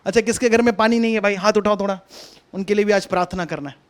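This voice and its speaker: Brief: male preacher, very high voice, chatty and coaxing, repeats himself, sermon over a video call. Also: steady tone, quick pace, clean tone. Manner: conversational, coaxing, repeats instructions. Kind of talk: online sermon with a hands-on demonstration.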